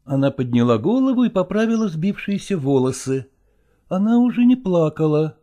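A man reading the narration of an audiobook drama in a calm, measured way. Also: sits high, highs cut off. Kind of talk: scripted narration.

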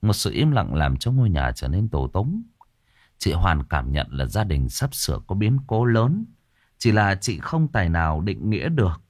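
Male storyteller, low voice, lively swooping delivery, dry close recording. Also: normal speed, no room sound. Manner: dramatic, expressive. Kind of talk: ghost story narration.

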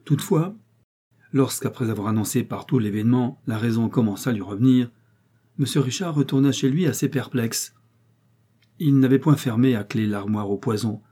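Husky-voiced male audiobook narrator. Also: mid-range voice, normal speed, dark tone. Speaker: audiobook reader. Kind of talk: scripted narration.

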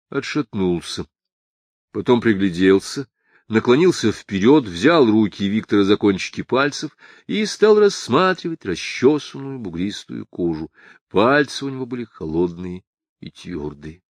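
Animated male audiobook narrator. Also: lowish voice, dry recording, studio quality. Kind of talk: expressive literary narration.

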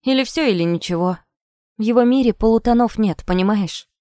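A woman's voice: on the high side, brisk, dark tone, dry recording, clean studio sound, pitched above the performer's own voice, lightly acted. A woman reader voicing a worldly young woman friend who smokes and hands out knowing advice. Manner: knowing, advising.

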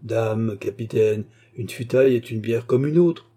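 A man's voice: medium pitch, a little slow, mellow, close to an everyday voice. A man voicing a cocky, sly young rascal with an insolent, mocking manner in a storybook reading.

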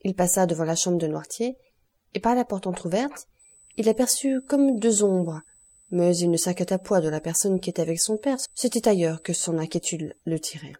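A woman with a fairly low voice reads a classic novel aloud for an audiobook, her delivery measured and expressive.

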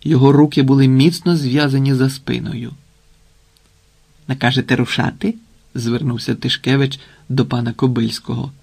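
A man's voice: mid-range voice, level tone, fairly quick, creaky, few pauses, darkish tone. Man narrating an adventure audiobook. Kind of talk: scripted narration.

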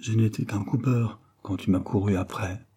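A man's voice: on the low side, fairly even intonation, normal speed, mellow, husky. A man voicing a meek, timid little working man who speaks plaintively and hesitantly.

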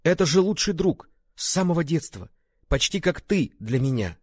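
A tipsy young man, stubborn and torn by guilt, pleads in a strained, raised voice. A man acts him out in a storybook reading, his tone husky and breathy. The sound is dry and close. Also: on the high side, very animated, moderate pace, darkish tone, no room sound, voice pushed up. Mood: pleading.

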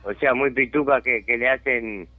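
The man speaks at normal speed with a medium pitch and fairly even intonation, with no echo on the dry, tinny phone line. His Uruguayan Spanish carries an insistent, indignant tone, and he frequently asks if he's understood. He lives in a settlement, speaks for its community, has a chronic lung disease, and is taking part in a radio phone interview.

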